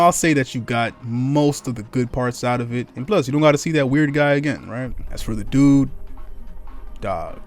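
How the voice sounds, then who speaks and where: A man hosting a reaction video, giving blunt, joking commentary with lots of swearing. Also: mid-range voice. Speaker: reaction host.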